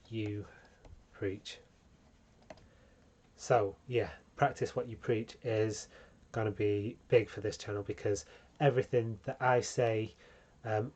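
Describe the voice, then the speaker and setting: A man hosting a branding tutorial, talking casually with frequent ums and small restarts. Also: fairly low pitch. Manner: relaxed, many ums, self-correcting. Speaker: channel host teaching branding.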